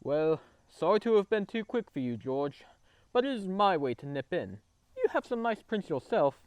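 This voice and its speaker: A man playing a self-satisfied, easily needled gentleman collector in an amateur period drama. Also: high voice, very animated, moderate pace, clean tone, dry recording. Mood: modestly smug.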